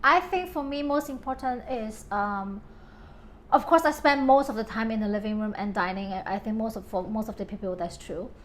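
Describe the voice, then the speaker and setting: A woman from Hong Kong chats casually in an interview about her home and design, using many fillers and laughing often. Her voice is slightly high and moderately paced, with a bit of background noise.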